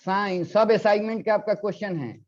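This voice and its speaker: High-voiced male physics teacher. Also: a little fast, a little mellow. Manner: coaxing, repeats questions to students. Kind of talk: classroom lecture. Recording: dull lo-fi classroom recording.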